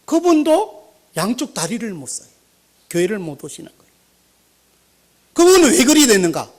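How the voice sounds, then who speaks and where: An older retired pastor with a Gyeongsang accent, telling stories in a sermon with animated shifts between loud and quiet. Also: male voice, very high voice, moderate pace. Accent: Gyeongsang Korean. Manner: animated, anecdotal, swinging between loud and soft. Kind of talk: storytelling sermon.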